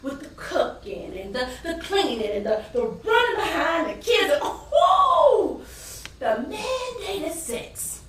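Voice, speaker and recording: A stage actor performs a theatrical monologue as a weary, embittered working-class wife and struggling mother, her high, fairly bright voice swinging widely in pitch. The heavily acted, emotive delivery is exasperated and dramatic, with long pauses and sudden swells. She is captured from far away in an echoing indoor theater, with faint noise.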